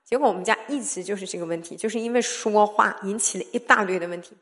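A woman giving a sermon-style testimony, animated and often laughing, who keeps putting rhetorical questions to her listeners. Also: medium pitch, fast talker. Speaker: church speaker sharing testimony.

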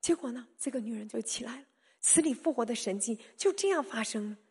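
A woman's voice: fairly high pitch, brisk, slightly rough. Emphatic woman preaching a sermon. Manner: animated, emphatic storytelling with sudden loud peaks.

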